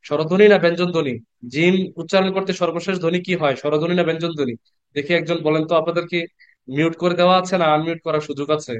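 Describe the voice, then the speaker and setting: A man teaching Quran reading in an online class, patiently repeating letter sounds slowly and asking the class questions. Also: on the high side, steady tone, clear, resonant tone, no room sound, muffled recording. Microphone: computer mic on a video call.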